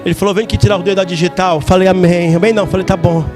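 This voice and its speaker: High-voiced Brazilian man giving fervent testimony. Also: steady tone, rapid-fire, music in the background. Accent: Brazilian Portuguese. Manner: fervent, preacherly, stretches words and shouts at peaks. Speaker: testimony speaker in church. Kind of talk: emotional church testimony. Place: church service.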